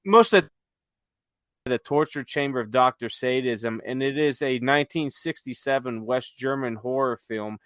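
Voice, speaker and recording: In a relaxed podcast conversation, a male co-host eagerly recommends things, repeating phrases for emphasis. His mid-range voice is fairly bright, at normal speed, with no room sound.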